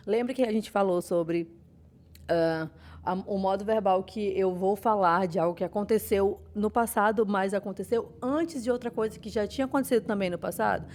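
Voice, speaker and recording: A woman's voice: mid-range voice, normal speed, a little mellow. A woman with a Brazilian Portuguese accent teaching a class, explaining patiently with frequent fillers and restarts. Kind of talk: online class lecture.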